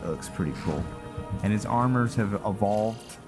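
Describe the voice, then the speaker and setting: Game music plays behind a man's laid-back let's-play commentary as he muses and mutters to himself mid-game. He's a gamer and role-play series host with a lowish voice, lively intonation, and moderate pace.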